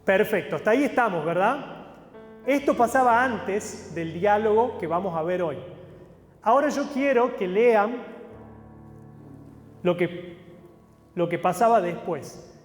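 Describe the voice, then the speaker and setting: A man preaching, his voice sitting high for a man. He walks his listeners through a passage like a patient teacher, stopping to ask them questions. The sound carries a long echo of a large hall, with soft music underneath. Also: animated, measured pace, long pauses. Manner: teacherly, explains step by step with questions to the congregation. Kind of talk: sermon with Bible reading. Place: church hall. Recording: echoey hall with faint music.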